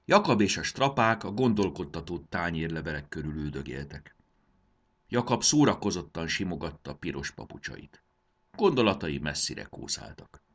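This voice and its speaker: A man narrating a fantasy audiobook with expressive storytelling. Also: low voice.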